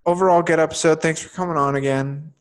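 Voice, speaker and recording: A young man hosts a relaxed podcast chat with a friend. He talks loosely and laughs often. He fills his pauses with ums and likes as his thoughts trail off. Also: a little high. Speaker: podcast host. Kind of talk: casual chat.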